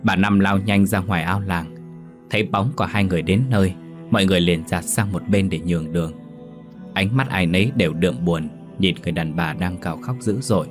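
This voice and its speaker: A man narrating a ghost story in a steady, grave storytelling manner. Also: low-pitched, fairly quick, over music.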